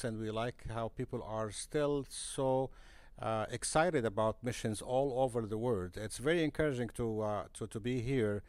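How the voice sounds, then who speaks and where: A man's voice: mid-range voice, darkish tone, dry recording. A man from Egypt, a guest in a podcast interview, speaking earnestly and restarting his phrases often. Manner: earnest, halting with frequent restarts. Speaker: guest, missionary broadcaster. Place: conference center.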